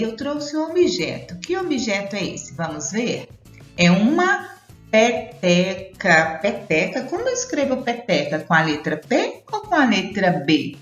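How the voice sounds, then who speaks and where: Lively woman teacher, roomy dull sound. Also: on the high side. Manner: sing-song, slow and exaggerated on syllables. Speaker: primary school teacher. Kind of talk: teaching young children.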